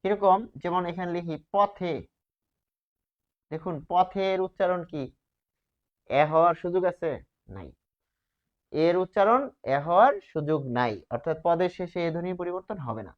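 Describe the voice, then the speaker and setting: A man teaches a grammar class, walking through each rule one step at a time. He keeps asking his students questions and then answers them himself. His voice sits a little high, and the recording sounds slightly muffled. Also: normal speed, pauses often. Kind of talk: grammar lesson at a whiteboard.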